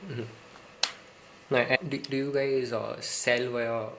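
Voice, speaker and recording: Mid-pitched male interviewer. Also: level tone, takes it slowly, background noise. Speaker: interviewer, host. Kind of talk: interview questions.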